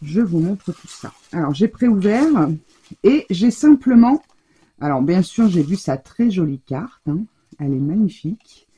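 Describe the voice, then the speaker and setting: A woman's voice: on the low side, expressive, a little slow, warm tone, breathy edge. A woman hosting a craft channel, chatting as she opens her mail at home and gushing over each card between lots of little fillers. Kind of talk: casual chat opening mail. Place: home craft room, shutter half closed. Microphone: overhead table camera.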